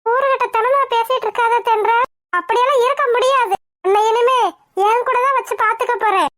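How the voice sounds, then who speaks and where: A fussy old cartoon grandmother scolds and pleads through tears, voiced by a woman. Her voice sits strikingly high and shrill. The sound is dry and close. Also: fairly even intonation, moderate pace, a bit bright, no echo. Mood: pleading. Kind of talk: cartoon voice acting.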